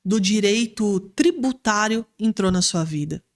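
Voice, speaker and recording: A woman's voice: medium pitch, expressive, measured pace. A Brazilian woman hosting a business podcast, talking enthusiastically and teasing with irony. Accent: Brazilian Portuguese. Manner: enthusiastic, ironic when teasing. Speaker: podcast host. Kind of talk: lively podcast interview.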